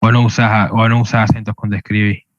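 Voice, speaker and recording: A man's voice: on the low side, level tone, fast talker, no echo, dull audio. A man teaching a programming lesson, explaining step by step and checking with a questioning "¿sí?" again and again. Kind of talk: screen-recorded coding lesson.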